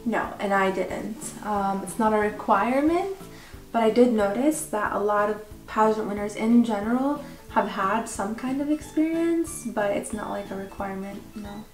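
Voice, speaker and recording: Informal woman in an echoey room. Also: mid-range voice. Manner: informal, halting, frequent "like" and "you know". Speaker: pageant winner being interviewed. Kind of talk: casual question-and-answer chat. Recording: echoey room with background music.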